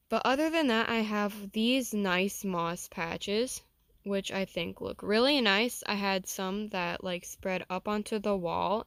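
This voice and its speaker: A woman's voice: medium pitch, fairly bright tone, clear, resonant tone, no room sound. A woman giving casual, rambling gameplay commentary, thinking aloud as she builds. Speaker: gaming vlogger.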